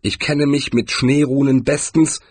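A man's voice: mid-range voice, steady tone, a little slow, a little mellow, breathy edge, dry recording, pitched above the performer's own voice. A man reading a storybook, voicing a cowardly, doubtful wizard who grumbles as he talks. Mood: grumbling.

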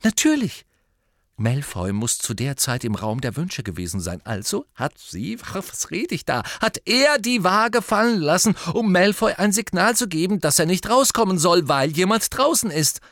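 An eager, excitable teenage boy in an audiobook, as a male reader puts him on. His voice climbs and swings as he argues. The sound is close and dry. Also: high-pitched, normal speed, no room sound, voice pushed up, exaggerated voice. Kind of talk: audiobook character voice.

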